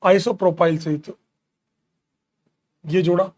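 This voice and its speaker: Unhurried and relaxed, a man with a fairly high voice walks a class through chemistry, counting carbons and repeating each step. He's a chatty, encouraging teacher who calls students "bro" and reassures them constantly that there's nothing to worry about in this classroom lecture.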